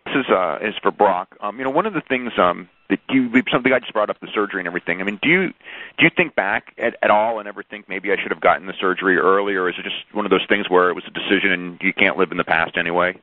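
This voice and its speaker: A man with a low voice comes through a narrow, dry telephone connection. He is a sports reporter on a press call, and his questions are long and stumbling. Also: quick pace, no room sound. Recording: narrow, muffled telephone line.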